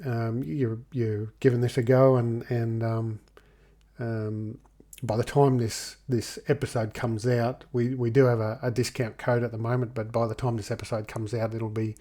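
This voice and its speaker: An Australian man hosting a casual podcast interview, speaking in a hesitant, halting way. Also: medium pitch, little pitch movement, mellow. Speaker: podcast host.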